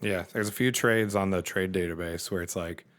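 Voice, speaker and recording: A young man co-hosting a casual podcast chat, energetic and quick to laugh. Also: low voice. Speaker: podcast co-host.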